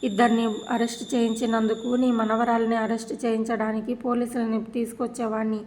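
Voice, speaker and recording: A stern, hot-tempered middle-aged husband shouts his demands, as a woman narrator puts him on. The voice stays fairly high and level. He sounds like a character from a family serial being retold. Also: little pitch movement, brisk, natural voice. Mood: shouting, stern.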